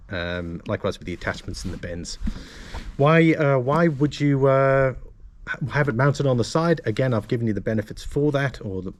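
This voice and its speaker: A man presenting a casual gear walkthrough to camera, explaining things in a halting, self-correcting way. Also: on the low side, a little mellow, a little hiss or hum. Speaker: motovlogger and presenter.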